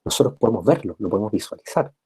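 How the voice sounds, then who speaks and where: A man with a lowish, husky, dark-toned voice races through a recorded university lecture with lively intonation. He explains step by step, repeating and rephrasing points, and keeps tossing tag questions at his listeners to check in.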